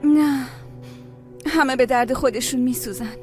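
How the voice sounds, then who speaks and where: A woman's voice: high-pitched, soft background music, close to an everyday voice. A woman playing Dijla, a faint grieving daughter. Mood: sorrowful. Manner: tired, sorrowful replies.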